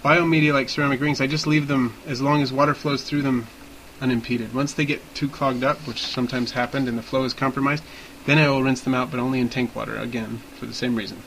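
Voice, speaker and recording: A man with a medium-pitched voice hosts a relaxed podcast. He explains things in careful, slightly formal wording, with some noise on the recording. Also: quick pace, low-quality recording. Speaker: podcast host. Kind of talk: casual explanatory chat.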